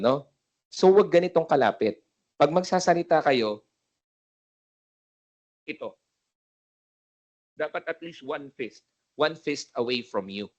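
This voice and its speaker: A man's voice: mid-range voice, muffled recording. A man with a Filipino accent giving a seminar on event hosting into a handheld mic, mixing languages, with many tag questions and live demonstrations of voice technique. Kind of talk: Taglish lecture. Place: seminar room with live audience. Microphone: handheld microphone.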